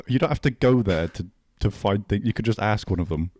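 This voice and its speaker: A man's voice: fairly low pitch, expressive, fairly quick, a little mellow, no echo. A man co-hosting a podcast in casual chat, laughing often and restarting his sentences. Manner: laughing, stumbling restarts, slangy. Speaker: podcast co-host.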